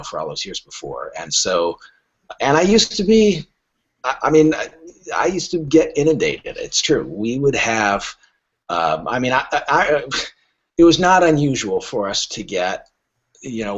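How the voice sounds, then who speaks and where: A middle-aged literary agent appears as a podcast guest, answering with anecdotes in a wry, joking, conversational way. His voice is medium-pitched with a breathy edge, and the sound is lo-fi.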